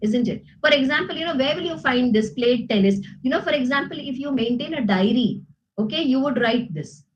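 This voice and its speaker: A woman's voice: sits high, expressive, a little fast, muffled recording. A woman with an Indian English accent, teaching a grammar class and checking understanding with frequent "okay?" and "isn't it?". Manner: explains patiently, asks "okay?" and "isn't it?" often.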